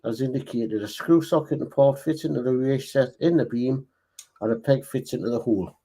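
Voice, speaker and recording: A man with a Northern English accent and a dark, mellow voice reads out model assembly steps in an unhurried, careful way. He pauses as he checks each part and speaks like a casual livestream co-host. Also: medium pitch, breathy edge. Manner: reads instructions slowly, pausing to check parts. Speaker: co-host reading build steps. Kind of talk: casual livestream build chat.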